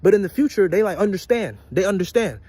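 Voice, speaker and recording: A man's voice: high-pitched, expressive, fast talker, dark tone, slightly rough, no echo. A young man giving a blunt, profane motivational rant to his viewers, repeating his points and preaching about intelligence and life lessons. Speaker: vlogger.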